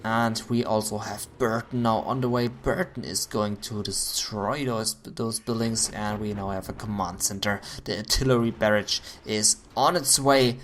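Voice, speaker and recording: A man commentating a video game match on his own, getting excited at big plays, his voice going hoarse. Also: fairly low pitch, moderate pace, few pauses, a little hiss or hum. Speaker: esports caster.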